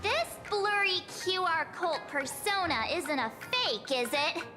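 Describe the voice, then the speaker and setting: An actress voicing an excitable young companion in a game, bouncy, dramatic and a bit whiny. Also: female voice, very high-pitched, measured pace. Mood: puzzled. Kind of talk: game voice acting. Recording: game audio over loud music.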